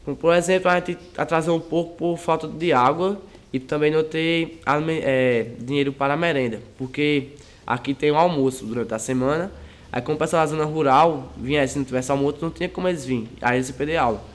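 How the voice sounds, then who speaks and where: A teenage high school student answers interview questions softly and ramblingly, often pausing and starting over. His voice is clear and sits a little high for a man.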